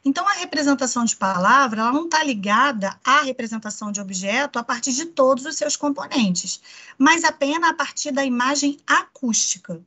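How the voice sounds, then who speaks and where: Brazilian woman lecturing, slightly high voice. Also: animated, brisk, bright, forceful tone, husky. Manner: explanatory, frequent tag questions "né". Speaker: psychoanalysis lecturer. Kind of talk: online lecture.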